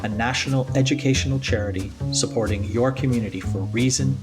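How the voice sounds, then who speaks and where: A man's voice: medium pitch, a little fast, loud music behind the voice. Hesitant male podcast host. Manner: hesitant, searching for words with many restarts. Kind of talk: interview podcast.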